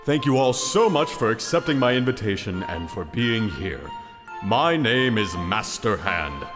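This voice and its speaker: A man voicing an eager, gushing giant hand who hosts grandly and theatrically in an animated comedy. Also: on the low side, unhurried. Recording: background music, long reverb.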